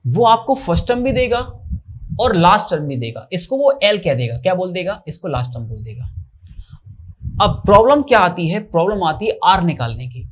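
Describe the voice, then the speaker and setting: A man's voice: high voice, big pitch swings, normal speed. Man teaching maths. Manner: explains step by step, asks and answers his own questions. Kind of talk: classroom lecture.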